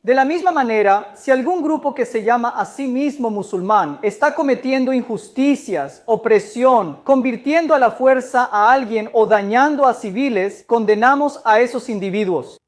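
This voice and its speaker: A woman whose voice sits somewhat high gives a dubbed talk as a guest speaker at a church gathering. With lively intonation, she explains each point in a measured, earnest way and takes audience questions.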